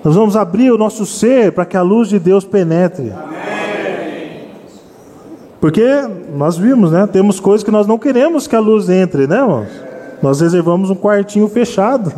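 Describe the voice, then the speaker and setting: A man's voice: high voice, dark tone. A man preaching an earnest sermon, constantly turning to address his congregation as brothers. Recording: long hall reverb.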